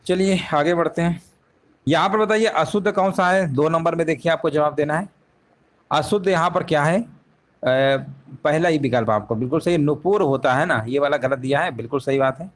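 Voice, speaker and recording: A man's voice: on the high side, moderate pace. A man teaching a live online exam-prep class, explaining each answer step by step and often repeating himself with rhetorical questions.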